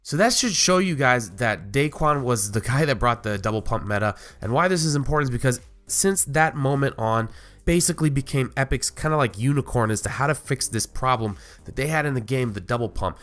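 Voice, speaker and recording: A man's voice: medium pitch, animated, fairly quick, a bit bright. A man with a cold and a nasal voice, hosting a gaming video in casual, rambling commentary. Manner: conversational, rambling with small asides.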